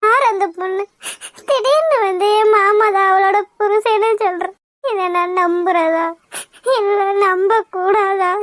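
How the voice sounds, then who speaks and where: A woman's voice: very high voice, dry recording. A woman voicing a heartbroken young woman who is crying.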